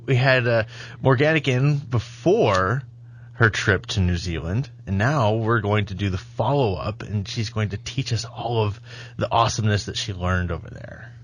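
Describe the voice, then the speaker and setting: A man's voice: fairly low pitch, moderate pace. A man hosting a podcast, rambling and joking at his own expense. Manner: jokey, self-mocking, rambling. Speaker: podcast host. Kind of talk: casual podcast chat. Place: studio.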